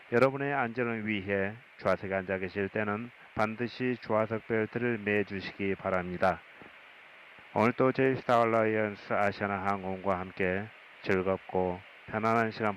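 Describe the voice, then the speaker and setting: A man's voice: lowish voice, a bit bright, poor audio. A man with a Korean accent, an airline captain giving a formal scripted in-flight announcement. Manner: formal, measured phrasing. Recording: hissy aircraft PA.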